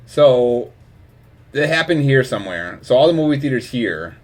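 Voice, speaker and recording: Here a young Wisconsin man streams live, rambling and laughing as his loudness rises and falls into mumbling. His pitch is medium but swings widely, and he keeps a moderate pace.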